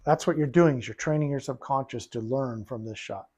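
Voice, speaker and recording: A man's voice: medium pitch, brisk, a little mellow, slightly rough. A man coaching a student at the pool table, patient and repeating his phrases as he explains. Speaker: billiards coach. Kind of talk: one-on-one coaching session.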